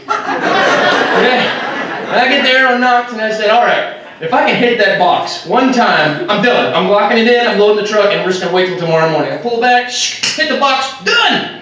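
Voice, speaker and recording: A man preaching a sermon through a funny story, self-mocking and animated. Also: on the high side, slight background noise. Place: church sanctuary. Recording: echoey hall from far off.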